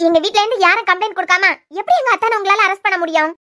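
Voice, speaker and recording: A woman with a Kanyakumari Tamil accent voicing a loud, defiant young woman in a cartoon. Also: very high-pitched, quick pace. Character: shrill defiant young woman, loyal sister-in-law.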